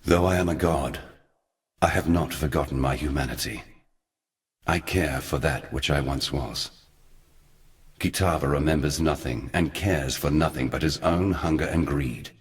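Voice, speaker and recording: In scripted video game dialogue, a man with a bass voice plays an ancient, forgotten god, speaking solemnly and deliberately in archaic, portentous phrases. He sounds somber, weary, and grave, as if in a large hall.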